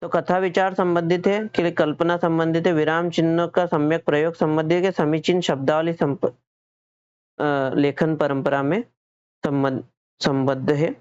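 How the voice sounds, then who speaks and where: A man's voice: on the high side, little pitch movement, unhurried, a little mellow, clear, resonant tone, no echo, highs cut off. Man teaching an exam-prep lesson. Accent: Hindi. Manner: explains step by step, repeating and self-correcting; asks questions then answers them.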